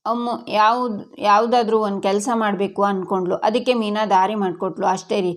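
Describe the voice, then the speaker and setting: Woman reads firm middle-aged matriarch, reproachful and arguing, even pitch. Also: brisk, natural voice. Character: middle-aged mother-in-law, firm defender of family.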